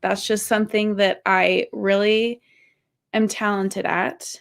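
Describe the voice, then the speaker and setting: A woman's voice: mid-range voice, level tone, takes it slowly, gravelly. A young adult woman hosting a marriage course, talking candidly and conversationally and sharing personal stories. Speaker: podcast host and marriage course teacher. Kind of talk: casual teaching talk.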